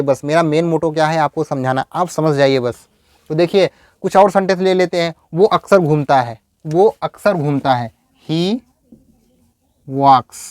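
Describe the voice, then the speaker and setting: High-pitched man teaching English, dry close sound. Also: darkish tone, clear, resonant tone, dry recording. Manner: explains step by step, slowly dictating English example sentences. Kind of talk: video lecture.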